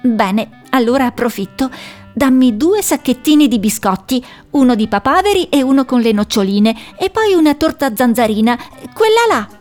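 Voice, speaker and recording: A woman voicing a nervous young female owl who talks high and flustered. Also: lively intonation, normal speed, a little mellow, faint music behind.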